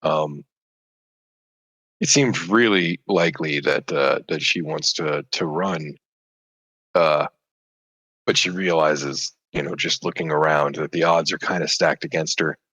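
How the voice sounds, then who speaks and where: A man's voice: very deep voice, measured pace, long pauses, a bit bright, breathy edge, no room sound, rough recording. A man narrating a tabletop role-playing game as game master, hesitant with many fillers.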